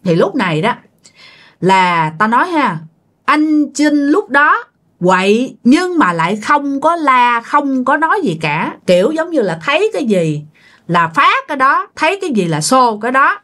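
A woman with a southern Vietnamese accent tells a ghost story in a raised, lively voice. Her pitch rises and falls a lot, and she keeps speaking straight to her listeners. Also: measured pace. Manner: animated, addresses listeners directly.

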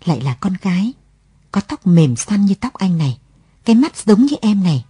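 A woman's voice: medium pitch, very animated, moderate pace, warm tone, slightly rough, dry recording. A woman voicing a dazed young husband who learns he has a daughter, in a read-aloud story. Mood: overjoyed. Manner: dazed then exclaiming. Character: dazed young husband, overjoyed at being a father.

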